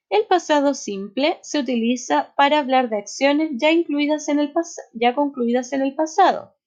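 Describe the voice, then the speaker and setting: Slow, patient teacher explaining grammar. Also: female voice, a little high, a little mellow. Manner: explains step by step, often checks with "¿ya?". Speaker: English teacher. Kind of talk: recorded class lesson. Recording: slightly dull, lo-fi sound.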